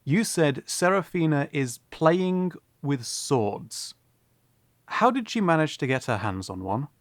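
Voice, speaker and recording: A man's voice: fairly high pitch, sing-song, slow, no room sound, studio quality. An actor playing a young prince who fears his father, laughing nervously and then giving firm orders in a fantasy audio drama. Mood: commanding. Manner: nervous laughing, turns commanding.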